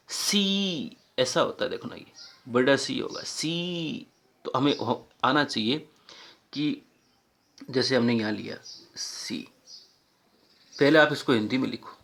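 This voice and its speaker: Guy teaching phonetics, middle pitch, keeps repeating the vowel sounds. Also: fairly bright tone. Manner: explains patiently, often repeats vowel sounds aloud. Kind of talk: informal phonetics lesson.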